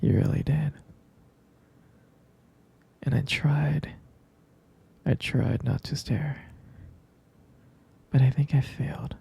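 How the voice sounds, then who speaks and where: A man's voice: medium pitch, fairly even intonation, slow pace, pauses often, full character voice. Man whispering as a possessive captor boyfriend. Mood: fondly reminiscing. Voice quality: breathy whisper. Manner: soft, coaxing, menacingly sweet. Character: possessive obsessive young man keeping his lover caged. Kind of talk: whispered ASMR roleplay.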